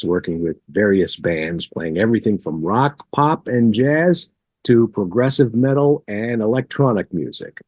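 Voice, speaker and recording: A male host opens his bass show with a lively, sing-song delivery. His voice is a bit husky and breathy. The sound is dry and close, with no room around it. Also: dry recording. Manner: upbeat scripted intro, then casual questions. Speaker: interview host. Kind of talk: podcast interview.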